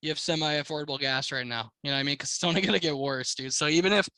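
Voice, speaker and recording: Bright, frat-bro American man. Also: fairly high pitch, racing, smooth, dry recording. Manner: frat-bro slangy, swearing. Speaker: car podcast co-host. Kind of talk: casual podcast chat.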